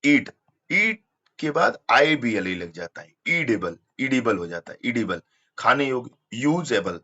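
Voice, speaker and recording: A man's voice: mid-range voice, sing-song, unhurried, pushed and bright. Guy teaching english, spells stuff out letter by letter, kinda dull lo-fi audio. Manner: explains step by step, spells words letter by letter. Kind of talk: exam-prep lesson.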